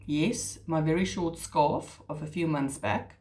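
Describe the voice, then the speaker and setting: With a low-pitched, darkish, unhurried voice, a middle-aged Afrikaans speaker chats casually on her crochet channel, poking fun at herself and restarting hesitantly.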